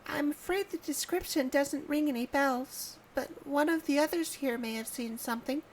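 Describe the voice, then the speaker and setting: A man putting on a gentle, apologetic young daughter. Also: extremely high pitch, moderate pace, pitched above the performer's own voice, poor audio. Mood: polite. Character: gentle young woman, a dutiful settler's daughter. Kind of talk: reading game dialogue aloud. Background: game music.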